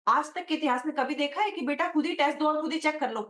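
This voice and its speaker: A woman teacher with an Indian accent delivers an exam prep lecture mixing Hindi and English, explaining slowly and quizzing her students. Her voice is high-pitched and a bit bright, and the room sounds echoey.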